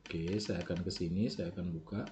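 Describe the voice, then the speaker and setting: Man, low voice, software tutorial walkthrough, step-by-step explaining, filler tags, self-corrections. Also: fairly even intonation, brisk, very noisy. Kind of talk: screen-recorded software walkthrough.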